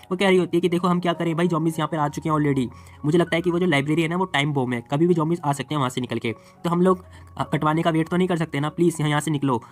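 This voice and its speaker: A man narrating a comic story in a chatty recap style, voicing the characters' lines and adding personal asides. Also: fairly high pitch. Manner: chatty, retells scenes and voices characters' lines. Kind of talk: casual storytelling recap with quoted dialogue.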